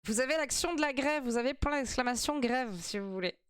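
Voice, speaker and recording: A woman's voice: sits high, brisk, smooth, no echo. A woman streamer chatting casually and playfully while reacting to a TV quiz, swearing freely.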